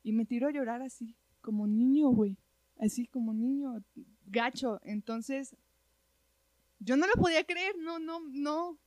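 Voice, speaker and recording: Speaking at a measured pace in a high voice, a Mexican-accented woman recounts something from her own life in lively, slang-filled conversation. She keeps dropping "güey" into her talk, and the recording is dry.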